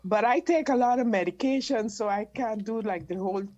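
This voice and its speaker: A woman's voice: fairly high pitch, fairly quick, a little mellow, lo-fi sound. A woman from Guyana, calling in for advice over a video call and speaking hesitantly, often restarting her sentences. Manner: hesitant, restarts and repeats words. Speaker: caller seeking advice. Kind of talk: casual conversation.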